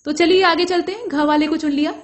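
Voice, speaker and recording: A woman's voice: very high-pitched, steady tone, a little fast. A woman teaching an exam-prep grammar lesson, explaining each answer step by step and putting questions to the viewer.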